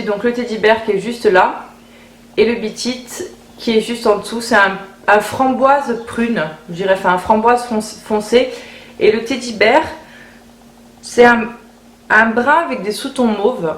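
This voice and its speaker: A woman's voice: medium pitch, normal speed. Chatty woman vlogger in a roomy space. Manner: chatty, repeats words while thinking. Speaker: beauty vlogger. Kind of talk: casual haul video chat. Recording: roomy echo, faint background hiss.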